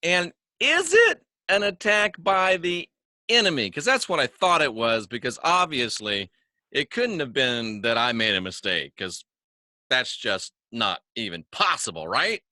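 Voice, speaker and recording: Folksy joking man, bright voice. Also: medium pitch, very animated, unhurried, no room sound, clean studio sound. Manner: folksy, joking, chuckles at himself, repeats words for emphasis. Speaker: online religious talk host. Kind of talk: casual spoken monologue to viewers. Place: home studio he calls the bunker.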